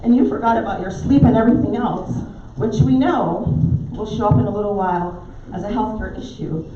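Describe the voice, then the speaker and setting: A middle-aged naturopathic doctor from Barbados, her Barbadian accent softened by years in the US, is the guest speaker at a club meeting in a pub dining room. She tells stories warmly with filler ums, at medium pitch and a fairly quick pace, over background noise. The recording is echoey, dull and distant.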